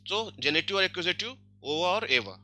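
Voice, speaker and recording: A man's voice: high-pitched, lively intonation, moderate pace, sharp tone. A man teaching a grammar lesson online, explaining step by step and checking in often with his students. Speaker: language teacher.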